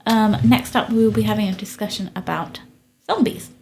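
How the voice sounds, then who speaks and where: A woman's voice: mid-range voice, steady tone, darkish tone, a little hiss or hum. A young woman co-presenting a radio science show, reacting in a chatty, easygoing way. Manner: chatty, reactive, quick to laugh along. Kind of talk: casual science chat.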